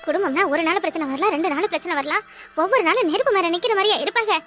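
A woman voicing a shrill, fretful village wife. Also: racing, fairly bright tone, faint music behind. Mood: lamenting. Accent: southern Tamil, Kanyakumari. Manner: complaining, lamenting, exclaims to herself. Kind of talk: cartoon voice acting.

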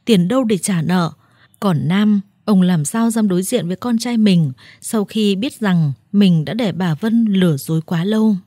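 A woman storyteller reading a scripted drama in a steady, dramatic narrating manner into a close mic. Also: mid-range voice, normal speed, no room sound.

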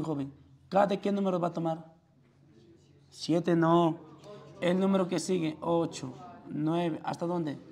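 Gravelly Peruvian math teacher quizzing students. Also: male voice, on the high side, darkish tone. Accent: Peruvian Spanish. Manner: quizzes students constantly, calling them "joven". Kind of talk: classroom math lecture. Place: classroom.

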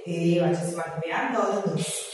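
A Brazilian woman teaching a phonics lesson to preschool children, drawing out syllables in a slow, sing-song way. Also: lowish voice. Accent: Brazilian Portuguese. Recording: echoey room heard from a distance.

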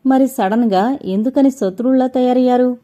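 A woman's voice: high voice, moderate pace, close to an everyday voice. A woman voicing a commanding male doctor who questions a hypnotized subject in a ringing voice, in a dull lo-fi recording. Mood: probing. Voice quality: ringing, forceful voice. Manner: questioning, instructing. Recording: dull lo-fi audio.

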